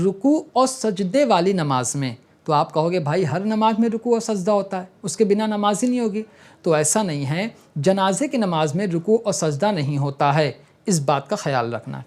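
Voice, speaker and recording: A man giving an instructional religious lesson, explaining rules point by point, often checking in with the listener and urging them to listen closely. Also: high voice. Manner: emphatic reminders to listen carefully. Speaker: religious teacher.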